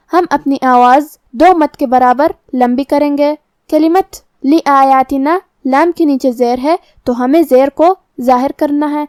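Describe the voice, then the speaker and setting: A woman teaching Quran recitation, explaining each letter's sound patiently and step by step, then reciting verses very slowly. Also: sits high, a little mellow, no echo, clean studio sound. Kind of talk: step-by-step tajweed lesson with slow recitation.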